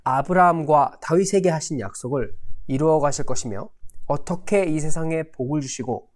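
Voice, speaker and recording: A man, a pastor, teaching a Sunday school Bible lesson, reading scripture slowly and telling stories with big swings in pitch and loudness. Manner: slow, deliberate scripture reading.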